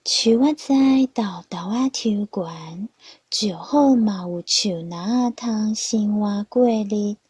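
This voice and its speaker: A woman narrating a children's story in a slow, gentle storytelling manner. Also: mid-range voice, husky, dry recording.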